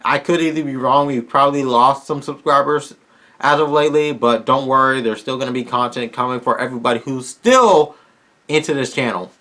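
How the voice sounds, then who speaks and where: A man closing out a relaxed Q&A on his channel talks to his audience with eager, rambling fan enthusiasm and frequent restarts, though his voice sounds tired and strained. It's mid-range, brisk and sharp in tone.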